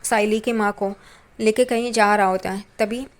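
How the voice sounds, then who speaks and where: A woman narrating a TV serial episode recap in steady, plain storytelling that reads out the characters' lines. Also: mid-range voice, moderate pace.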